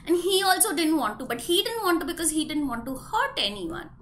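A woman's voice: extremely high pitch, big pitch swings, a little fast, a bit bright, slight background noise. A woman, telling a children's story expressively and dramatically, with questions to young listeners. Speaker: preschool storyteller. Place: small indoor room with bare wall.

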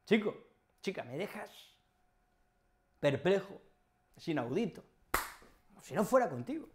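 A man's voice: high-pitched, big pitch swings, unhurried, slight background noise. Playful Spanish-accented male Spanish teacher. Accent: Spain Spanish. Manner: playful, emphatic, repeats phrases for effect. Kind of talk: energetic video lesson.

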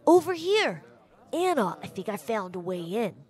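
An eager, wide-eyed young boy, voiced by a woman, exploring history in a children's audio drama. The voice sits fairly high and swoops through a lively range. He sounds full of wonder at each new find. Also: moderate pace, breathy edge. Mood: excited.

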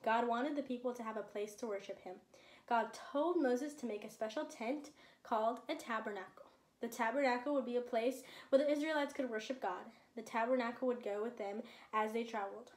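Young female children's church teacher, a bit high voice, friendly and simple, phone recording in a small room. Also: fairly quick. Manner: friendly, explains simply to kids. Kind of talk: children's Bible lesson.

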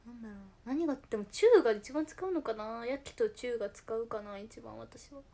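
A young woman from Kochi speaking with a Tosa dialect, chatting casually on a livestream and answering comments in a soft voice that sometimes drops into a whisper. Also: a little high, fairly quick. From Kochi, Japan. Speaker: idol livestreamer.

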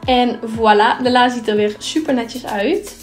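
A woman's voice: a little high, a little slow, over music. A young woman narrating a clean-with-me vlog in a chatty, upbeat voice-over with casual filler words. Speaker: vlogger.

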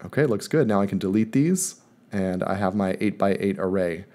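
A man calmly walking viewers step by step through a screen-recorded software tutorial, in voice-over. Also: low voice, normal speed. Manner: calm step-by-step explaining. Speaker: math teacher presenting a tutorial. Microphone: voice-over recorded over screen capture.

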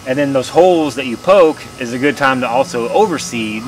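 A man's voice: medium pitch, lively intonation, brisk, soft background music. A young man in his twenties giving a rambling, folksy how-to talk about lawn care while crouching in his backyard, restarting his sentences often. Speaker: home lawn care vlogger. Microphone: camera mic on a tripod some distance away. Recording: distant camera mic outdoors with faint insect noise.

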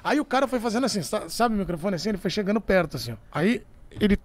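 A sports reporter, a man, tells funny stories from his job on a podcast in a high voice. He slips into the people he describes and laughs along. His talk is casual and animated. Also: rapid-fire. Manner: animated, acts out quotes with laughter.

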